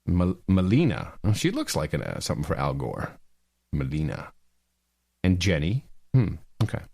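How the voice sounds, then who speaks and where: A man's voice: low-pitched, huge pitch swings, normal speed, gravelly, darkish tone. A man co-hosting a podcast, sarcastic and crude, laughing at the clips. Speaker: podcast co-host. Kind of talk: casual chat.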